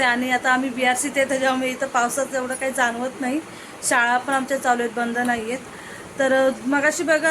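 A woman's voice: high-pitched, noisy background. A woman chatting casually on her family vlog as she walks home and then talks with her young daughter at home. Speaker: vlogger and mother. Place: outdoors on a village path, then at home.

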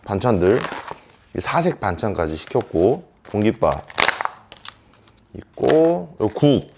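Chatty man in his thirties, lively pitch. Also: slow, vocal fry, noisy background. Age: 30s. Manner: chatty, talks to viewers while eating. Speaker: mukbang vlogger. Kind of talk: casual eating vlog chat. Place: at home.

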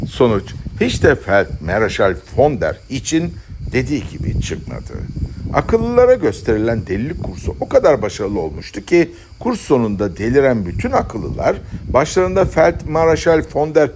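A man narrating a satirical story as an audiobook reader, with an expressive, dramatic delivery. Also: medium pitch, slight background noise.

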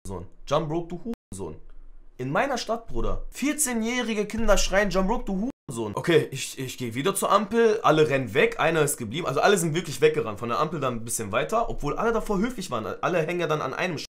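Man, 20s, street slang, lively storytelling. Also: on the high side. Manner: animated, street slang, quick retelling with acted quotes. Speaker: streamer. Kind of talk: casual live-stream storytelling.

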